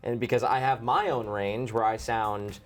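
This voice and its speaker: A man's voice: mid-range voice, fairly even intonation, moderate pace, faint music behind. Chatty male voice actor. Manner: enthusiastic, talks in restarts. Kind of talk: casual interview chat.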